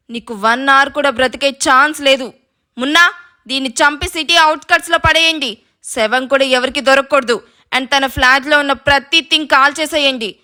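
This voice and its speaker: Storybook villain: a woman playing a ruthless rich man, menacing, commanding, bright tone. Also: sits high. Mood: cold threat.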